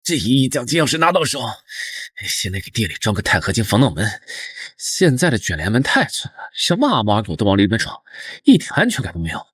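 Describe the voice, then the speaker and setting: A man's voice: medium pitch, huge pitch swings, fairly quick, slightly rough, no echo, clean studio sound. A man voicing a laid-back young mechanic with a casual, unbothered manner, the lead of a motion comic. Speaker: lead character.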